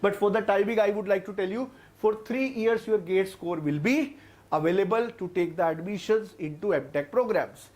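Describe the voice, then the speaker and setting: A young online exam-prep instructor with an Indian English accent speaks at a moderate pace in a high-pitched, a little mellow voice. He explains things step by step, repeats himself often, and addresses the class as "guys."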